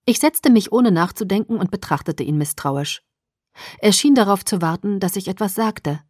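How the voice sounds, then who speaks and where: A woman narrating a German audiobook in the first person, with a measured storytelling read. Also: medium pitch, expressive, a little mellow, breathy edge, no room sound, clean studio sound.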